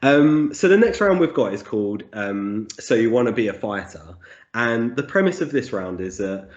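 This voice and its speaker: A man's voice: mid-range voice, expressive, normal speed. A man hosting an interview, friendly and enthusiastic as he puts questions to his guest. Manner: friendly, enthusiastic, says "very cool". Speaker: podcast host. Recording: dull lo-fi audio.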